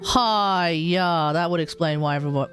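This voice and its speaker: During a livestream, a video game streamer thinks aloud in casual, rambling commentary as they play. The mid-range voice moves at a measured pace, partly buried under loud game music.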